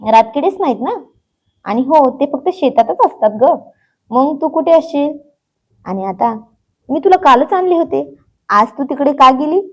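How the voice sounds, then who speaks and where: A woman's voice: sits high, expressive, unhurried, pauses often, voice pushed up. A woman doing a teasing young husband. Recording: dull lo-fi sound.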